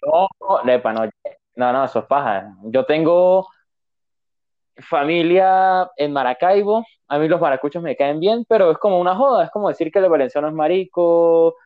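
A man's voice: on the high side, moderate pace. A young man from Táchira with an Andean Venezuelan accent, telling crude stories in casual banter and acting out the dialogue. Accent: Venezuelan Andean (gocho). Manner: animated storyteller acting out dialogue. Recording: slightly dull lo-fi audio.

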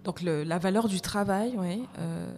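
A woman's voice: lowish voice, measured pace, darkish tone. A woman speaking as a podcast guest, thoughtful and often restarting her phrases. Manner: reflective, restarts mid-phrase. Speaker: guest, evaluation coach. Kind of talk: conversational podcast interview. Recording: reverberant room with faint noise.

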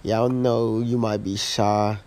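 A man's voice: on the low side, flat delivery, takes it slowly, darkish tone. A young man hosting a podcast, giving casual dating advice in a loose, slangy, rambling way with frequent restarts. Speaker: podcast host.

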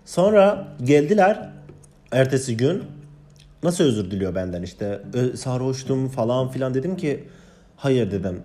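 A man's voice: medium pitch, animated, normal speed, faint music behind. A man telling a story about his work as floor staff at a bar, speaking casually and growing agitated and indignant as he recounts it. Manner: agitated, indignant retelling with quoted shouts.

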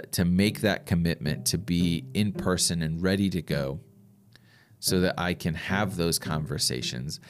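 An American man hosting a conversational podcast interview, phrasing his thoughts in a hesitant, thoughtful way. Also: deep voice. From rural Indiana, USA. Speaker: podcast host, communication professor.

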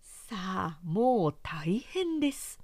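A professional woman narrator reading a children's story aloud, expressive and clearly articulated, close to the mic. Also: medium pitch, drawn-out words, no echo.

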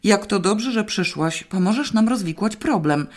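Woman reading a calm, dry-humored woman hostess, audiobook dialogue. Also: medium pitch, normal speed, pitched above the performer's own voice, lightly acted. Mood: lively.

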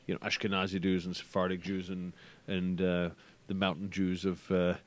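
A man's voice: sits low, completely flat delivery, normal speed. A middle-aged man, a podcast guest, talking in a thoughtful, reflective way and telling family stories. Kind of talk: podcast interview conversation.

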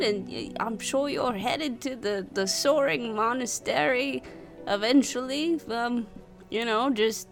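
A woman's voice: fairly high pitch, a bit bright, pitched above the performer's own voice. A woman voicing an old male shopkeeper who drawls folksy and teasing. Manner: drawling, chuckling old-man put-on.

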